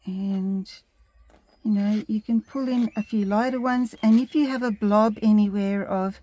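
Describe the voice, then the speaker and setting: A woman giving a step-by-step painting tutorial in a gentle, unhurried instructing manner. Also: medium pitch, fairly even intonation, poor audio.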